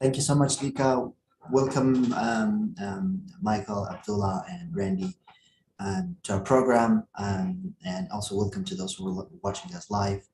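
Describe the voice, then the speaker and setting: A young man from Afghanistan, co-founder of the network, giving an earnest, halting introduction on a live panel. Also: lowish voice, expressive, darkish tone, a little hiss or hum. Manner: earnest, halting, with many fillers. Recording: echoey room.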